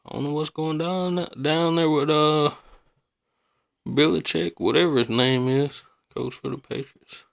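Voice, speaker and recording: A man's voice: on the high side, steady tone, a little slow, creaky. A man hosting a podcast in a casual, rambling, colloquial way, often repeating himself. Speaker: podcast host.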